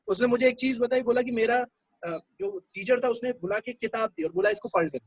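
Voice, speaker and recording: A man's voice: extremely high pitch, brisk, no room sound, poor audio. A male teacher giving a classroom lecture, talking conversationally and explaining things step by step.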